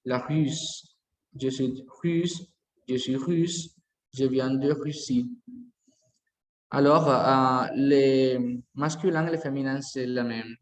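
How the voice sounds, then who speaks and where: A man teaching a language lesson, slowly repeating each word form aloud as he explains it. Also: medium pitch, steady tone. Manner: slow, careful, repeats word forms aloud. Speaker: French teacher. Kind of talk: bilingual classroom lesson. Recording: echoey hall.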